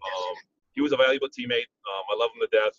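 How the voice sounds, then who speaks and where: A man, a former football player and coach, telling stories in a casual interview, often pausing on "um" and checking in with "right?". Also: medium pitch, no room sound, far from the mic, lo-fi sound. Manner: animated storyteller, frequent "um" and "right?".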